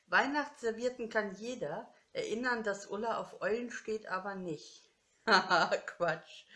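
Woman, craft vlogger, chatty, gushing, laughs a lot, slightly low voice. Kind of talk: casual chat unboxing a craft swap.

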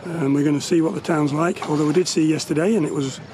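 A middle-aged man narrating his sailing trip in relaxed casual talk, with frequent ums. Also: on the high side, fast. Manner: relaxed, rambling with many ums. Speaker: sailing vlogger. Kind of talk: casual travel commentary. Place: outdoors on a sailboat and on land. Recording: outdoor recording with clear background noise.

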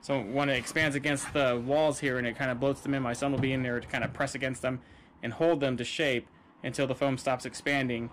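Slight background noise sits under this easygoing narration from a dad who runs a boat-building channel, describing each step as he works outdoors in a driveway workshop next to a boat. Captured on a wearable camera, his voice is medium-pitched, level, a bit bright and a little fast.

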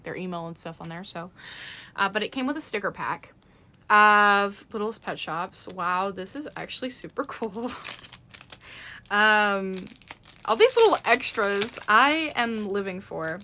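Young woman, casual unboxing vlog, bright tense tone, excitable, lots of ums. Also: medium pitch, moderate pace, creaky, a little hiss or hum. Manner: chatty, many "um" fillers, excitable. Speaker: toy collector vlogger.

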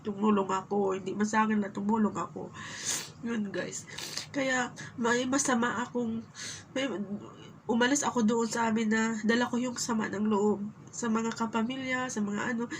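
A woman's voice: fairly high pitch, fairly even intonation, moderate pace, long pauses, a little hiss or hum. A middle-aged woman from the Philippines, sick but telling her story in a casual vlog, chatting straight to her viewers and turning emotional at times. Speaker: vlogger. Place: home in Kuwait.

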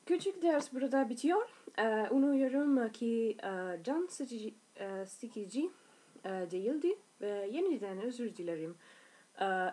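An Italian woman with an Italian accent teaching a beginner language lesson in halting, broken learner's Turkish, searching for words. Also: fairly high pitch, mellow, husky. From Italy.

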